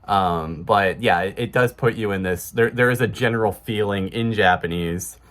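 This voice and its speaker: A man's voice: fairly low pitch, normal speed, fairly bright tone. A man in his thirties with a Chicago accent, talking casually to camera in a rambling way, full of fillers and restarts. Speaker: vlogger.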